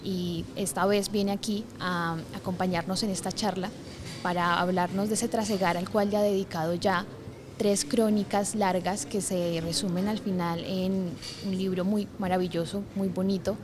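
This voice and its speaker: A woman's voice: mid-range voice, level tone, moderate pace, background noise. A woman interviewer introducing a guest and asking formal questions, hesitating often with filler words. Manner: warm, hesitant phrasing with "eh" and "digamos".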